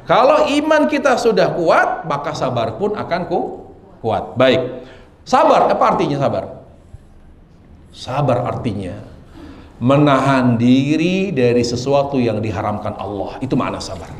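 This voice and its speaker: A man preaching a sermon to a live audience, animated and questioning his listeners. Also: medium pitch, measured pace. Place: lecture hall with audience. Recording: echoey hall.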